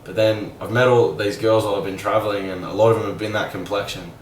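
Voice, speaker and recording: A man's voice: fairly low pitch, fairly even intonation, fast talker. A young man, musing casually and candidly in a rambling vlog monologue full of "like". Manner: rambling, candid, fillers like "like", mild swearing. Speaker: vlogger. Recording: roomy sound, a bit far from the mic, faint background hum.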